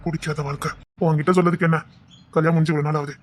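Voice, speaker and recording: An actor playing a gentle young man, unhappily married, who talks in a soft, husky voice in a TV serial melodrama. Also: a little high, little pitch movement, rapid-fire, slight background noise, natural voice. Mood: confiding.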